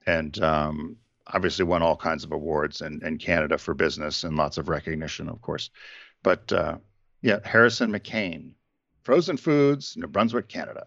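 Casting: low-voiced male co-host, chatty and rambling, dry dull recording. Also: normal speed, creaky, a bit bright, no room sound. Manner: rambling, many fillers and restarts. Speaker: podcast co-host. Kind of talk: casual business chat.

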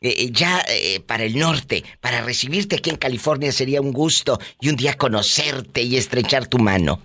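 A man's voice: mid-range voice, lively intonation, normal speed, sharp tone. A man with a Mexican accent hosting a call-in radio show, theatrical and playful, gasping and exclaiming. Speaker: radio host.

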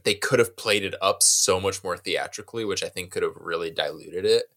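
Deep-voiced man analyzing a film. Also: brisk, fairly bright tone. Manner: thoughtful, analytical. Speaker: podcast co-host. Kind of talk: casual film discussion.

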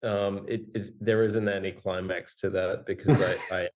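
A man's voice: low-pitched, little pitch movement, moderate pace, darkish tone. A man in his forties, an Australian-born company founder, speaking as a podcast guest in a rambling, casual way with self-deprecating humor. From Australia, raised in Singapore and Hong Kong. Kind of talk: casual conversational interview.

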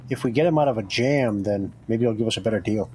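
A man's voice: on the low side, fast, a little mellow, a little hiss or hum. A man playing a tabletop game, chatting casually in a dry, joking way. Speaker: player.

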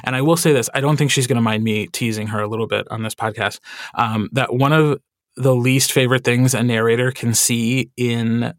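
A man who narrates audiobooks, chatting in a podcast interview with lots of fillers and animated asides. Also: medium pitch, no room sound, studio quality.

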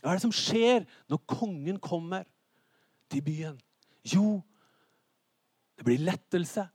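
A man preaching a lively, theatrical sermon, his voice sitting fairly high. He keeps putting questions to the congregation and builds up to shouts. The sound is dry and close to the mic. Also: slightly rough, dry recording.

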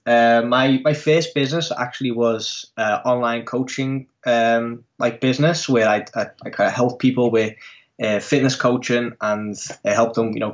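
A man's voice: mid-range voice, muffled recording. A man in his twenties with an English accent, talking as a podcast guest in a casual, rambling way with many fillers and restarts. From Netherlands. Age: 20s. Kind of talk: casual interview talk.

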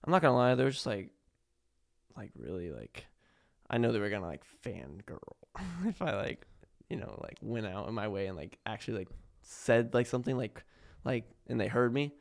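A man's voice: lowish voice, big pitch swings, normal speed, vocal fry. A man talking as a podcast guest, telling a story in a rambling way, full of "like" and restarts. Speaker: podcast guest, prank video maker. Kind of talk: casual podcast chat.

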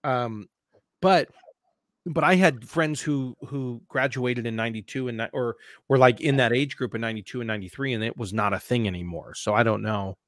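A man's voice: medium pitch, brisk, fairly bright tone, no echo, clean studio sound. A nasal-voiced man in his forties with a Midwestern accent, a gym coach telling stories on a casual podcast with emphatic energy. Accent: Midwestern American.

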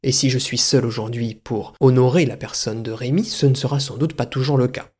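Male solo comedy host: deadpan, mock-grandiose, medium pitch. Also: a little fast, slightly rough. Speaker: podcast host. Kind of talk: deadpan absurdist monologue.

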